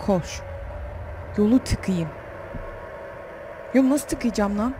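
Against a noisy background, a young woman speaks slowly and expressively at medium pitch during a facecam horror-game let's play, recorded on a desk mic. Easily startled, she keeps up a running conversation with herself and shrieks whenever fear hits.

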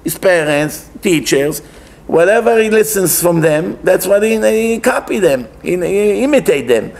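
An Israeli-accented male rabbi with a high-pitched, gravelly, slightly mellow voice lectures from a lectern in a wood-panelled synagogue, seated indoors. His animated, unhurried talk is conversational preaching that explains, stresses points, poses rhetorical questions and repeats phrases.

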